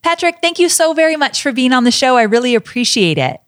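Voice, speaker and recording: A woman's voice: high voice, very animated, fast talker, no echo, studio quality. A woman hosting a podcast, introducing her guest in an upbeat, enthusiastic way before interviewing him. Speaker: podcast host.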